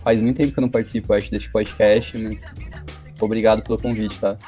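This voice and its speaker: A man's voice: lowish voice, level tone, quick pace, dark tone, soft background music. A Brazilian man chatting casually as a guest on a podcast. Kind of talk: casual chat.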